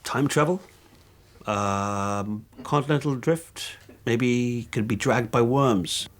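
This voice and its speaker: A self-absorbed, oblivious rock musician, played by a man in a mockumentary, rambling on in a flat, deadpan voice. He drifts between thoughts with small hesitations, never noticing how absurd he sounds. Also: mid-range voice, slow, close to an everyday voice. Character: vain, oblivious middle-aged male rock musician. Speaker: aging rock star. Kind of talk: mockumentary monologue.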